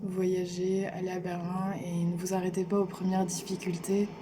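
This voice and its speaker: A woman's voice: lowish voice, monotone, normal speed, background noise. A young French woman giving earnest, hesitant travel advice in a casual vlog, with many fillers and restarts. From France. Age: young adult. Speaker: vlogger.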